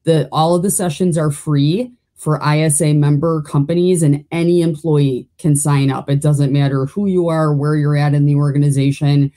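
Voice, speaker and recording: A woman's voice: low-pitched, steady tone, moderate pace, hardly any pauses, mellow. A woman guest talking casually and upbeat about her organization's sessions. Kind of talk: casual chat.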